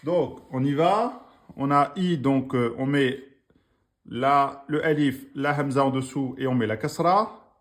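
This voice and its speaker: A man's voice: mid-range voice, slow. A man teaching Quran reading in during a live online lesson, patiently sounding out syllables again and again.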